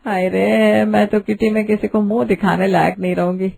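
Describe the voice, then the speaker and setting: A woman's voice: medium pitch, little pitch movement, normal speed, vocal fry, a little mellow. A woman voicing a fussy middle-aged mother-in-law in a cartoon, grumbling and fretting. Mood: fretful. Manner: grumbling, fretful.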